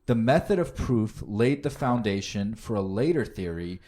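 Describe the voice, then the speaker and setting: A man's voice: lowish voice, animated, normal speed, mellow. A man hosting a casual quiz podcast, reading questions aloud and stumbling over some words. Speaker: quiz host.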